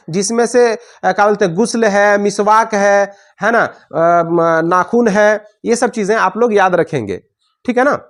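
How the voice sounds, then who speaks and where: A woman giving a patient religious lesson, showing each step as she goes. She keeps asking her listeners to repeat after her. She stretches the Arabic prayer phrases into long, slow recitations. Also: medium pitch. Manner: moves through prayer postures while talking. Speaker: religious teacher. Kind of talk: prayer instruction with demonstration.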